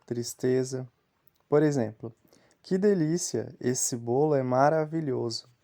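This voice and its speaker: A young man teaching children a grammar lesson, explaining slowly and step by step. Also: mid-range voice, dark tone.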